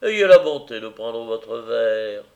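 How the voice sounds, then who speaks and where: A man voicing a drunk, overwrought middle-aged man who pleads and mocks in a high, loud, swooping voice. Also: lively intonation, slow pace, vocal fry, highs cut off. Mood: pleading.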